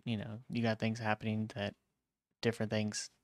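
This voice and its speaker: A man's voice: on the low side, monotone, normal speed, no echo. A man co-hosting a casual podcast, laid-back and agreeable. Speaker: podcast co-host. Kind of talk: casual chat.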